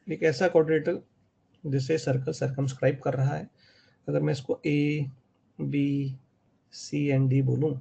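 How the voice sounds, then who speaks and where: A man's voice: on the high side, flat delivery, measured pace, creaky, pauses often, dark tone, husky. A man with an Indian accent teaching geometry in an online class, explaining step by step and checking in with his students. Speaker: math teacher. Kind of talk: online live class lecture.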